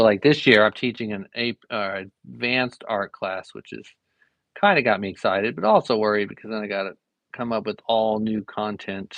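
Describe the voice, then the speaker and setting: A young adult man chats on a live stream while he draws, an art teacher who rambles along with plenty of fillers. His voice carries a gravelly fry. The sound is dry and a bit dull, with no room around it. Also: on the low side, a bit bright, no echo. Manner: rambling, easygoing, lots of fillers. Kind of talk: casual live-stream chat while drawing.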